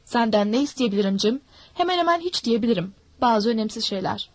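A woman voicing a sly, menacing old male pirate who coaxes and threatens smoothly. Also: a little high, expressive, quick pace, no echo. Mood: sly coaxing. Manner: smooth-talking, mocking threats.

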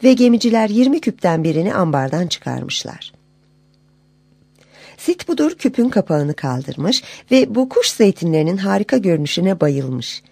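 A woman narrating a classic folk tale in a measured, expressive reading. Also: mid-range voice, vocal fry, no room sound. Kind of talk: storybook narration.

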